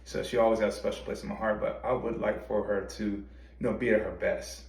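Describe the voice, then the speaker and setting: A man co-hosting a music commentary show, speaking in a thoughtful, measured way. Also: lowish voice, flat delivery, gravelly, echoey room, recorded from a distance, low-quality recording. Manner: thoughtful, measured, with slips and restarts. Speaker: podcast co-host. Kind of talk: casual chat.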